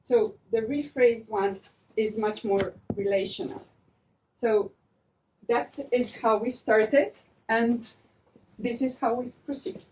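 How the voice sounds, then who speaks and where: Young woman, higher voice, student presenter, distant mic with faint room hum. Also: fairly even intonation, a little mellow. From Serbia. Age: young adult. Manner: measured, with frequent uh fillers. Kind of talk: project presentation.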